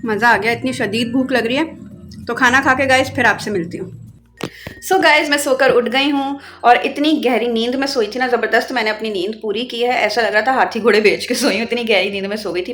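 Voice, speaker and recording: A young woman vlogging in a casual, chatty way, telling family stories and turning soft and wistful when she remembers. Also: medium pitch. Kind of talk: casual vlog chat.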